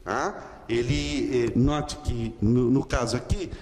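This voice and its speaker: A man teaching an online lesson, explaining slowly and often checking in with "ok?". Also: mid-range voice, a little mellow, big-room sound, slight background noise. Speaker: Greek teacher.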